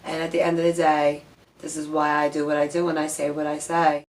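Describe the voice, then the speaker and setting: A woman vlog host tells personal stories casually to camera, candid and rambling, emphatic, with some swearing. Her voice sits low with little pitch movement and a brisk pace, and the recording is rough.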